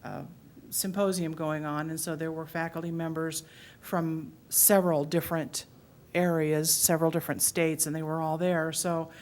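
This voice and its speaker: A middle-aged woman attending a public talk in a library meeting room opens up about her memories, earnest and touched, her tone low and even. She speaks at normal speed with few pauses.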